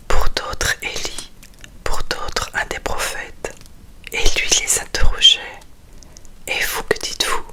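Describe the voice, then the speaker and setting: A reader softly whispering a scripture reading in a breathy, unvoiced ASMR style, quiet as for night-time. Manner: hushed, quiet bedtime whisper.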